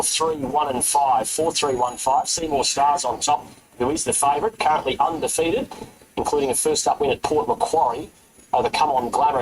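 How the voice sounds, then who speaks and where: A man's voice: on the high side, poor audio. A man presenting horse racing, running through form and betting updates.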